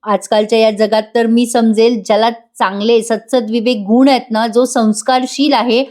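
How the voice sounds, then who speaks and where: A woman's voice: fairly high pitch, little pitch movement, moderate pace, a little mellow. Chatty woman recapping a TV serial. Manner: chatty, addresses viewers directly. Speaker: TV serial reviewer. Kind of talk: voice-over episode recap. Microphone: voice-over studio mic.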